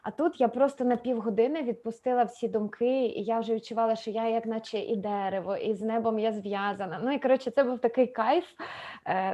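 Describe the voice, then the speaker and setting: A woman in her thirties hosting a meditation event over a video call, telling a personal story in an unhurried, hesitant way with many fillers. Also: a little high, warm tone.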